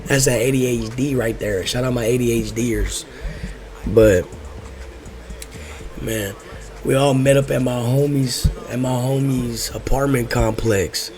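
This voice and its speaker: A man's voice: medium pitch, steady tone, a little slow, a little mellow, faint music behind. A young American man telling stories casually in laid-back stoner talk, slangy and profane, rambling and repeating himself. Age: young adult. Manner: rambling, repeats phrases, drifts off track. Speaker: host telling personal stories.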